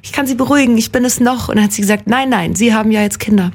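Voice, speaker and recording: A woman's voice: on the high side, very fast, husky. A woman in her thirties from Munich, an actress guest chatting casually in a radio interview, self-deprecating, with many fillers and restarts. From Munich, Germany.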